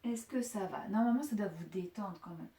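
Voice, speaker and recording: A woman fitness instructor guiding a Pilates class, calmly cueing each breath, with joking asides now and then. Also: medium pitch, brisk. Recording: echoey room, voice from far off.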